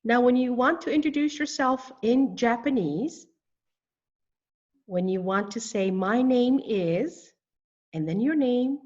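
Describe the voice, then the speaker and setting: A woman teaching a language lesson, speaking slowly and deliberately and spelling out words syllable by syllable. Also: on the high side, a little mellow, muffled recording. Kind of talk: scripted lesson narration.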